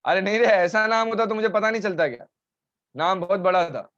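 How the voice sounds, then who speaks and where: A man teaching a chemistry class live online in Hindi, explaining step by step and pausing to answer student questions, with a sore throat. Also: sits high, a bit bright, no echo, lo-fi sound. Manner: talks to students, breaking off to answer chat complaints. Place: home, streaming over mobile data.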